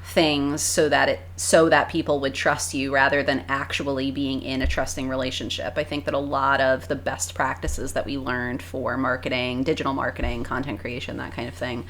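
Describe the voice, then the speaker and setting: A woman co-hosting a podcast as a coach, chatting casually in a frank, animated way and swearing freely. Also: a bass voice, normal speed, hardly any pauses, slight background noise. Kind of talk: casual chat.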